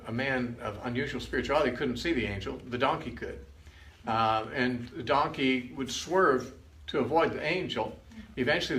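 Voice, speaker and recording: A man's voice: medium pitch, fairly bright tone. An older man giving a conversational Bible lesson, retelling stories and casually acting out the quoted lines. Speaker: Bible teacher. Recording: roomy with faint background noise.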